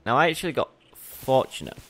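A man's voice: mid-range voice, big pitch swings, brisk, a bit bright, slightly rough. A young man giving casual gameplay commentary as a let's play host, chatty and rambling, often correcting himself mid-sentence.

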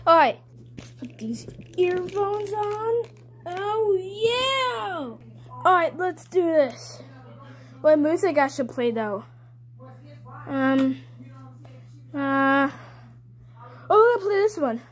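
Someone doing Baby Mario, squeaky toddler. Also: very slow, pauses often, heavily acted. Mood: playful. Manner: childish, excitable, rambling. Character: excitable toddler boy. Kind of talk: fan puppet video voice acting.

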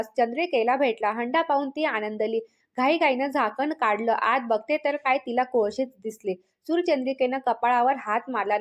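A woman narrating a devotional folk tale, voicing all the figures' lines in her own voice. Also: on the high side. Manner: reads dialogue for every figure in her own voice. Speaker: storyteller.

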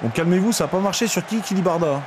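Young male streamer, high-pitched, excitable game commentary with outbursts, faint background noise. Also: quick pace. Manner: excitable, swings from shouting to muttering.

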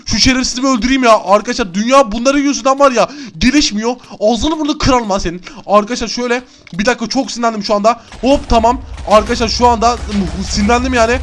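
Young male let's-play host, high and fast, excitable yeller. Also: a little hiss or hum. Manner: excitable, chatty, often yells and laughs. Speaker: gaming YouTuber. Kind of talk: Minecraft let's-play commentary.

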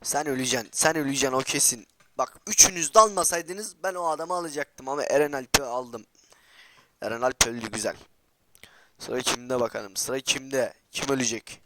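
A man giving excitable gameplay commentary as a channel host, trash-talking and swearing, repeating words in rapid bursts. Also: medium pitch.

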